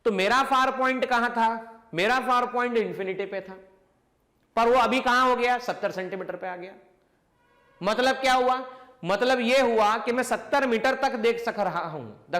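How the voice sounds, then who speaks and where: A man with a notably high voice lectures a physics class. He repeats each question and then answers it himself. He slows down deliberately to stress the important points. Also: expressive, a bit bright. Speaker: physics teacher.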